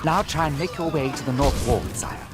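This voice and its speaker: A man's voice: on the high side, moderate pace, over music, natural voice. A man playing a loyal medieval retainer, guiding his lord with deferential, earnest urgency in a game. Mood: urgent. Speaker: tutorial guide. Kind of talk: game character instructions.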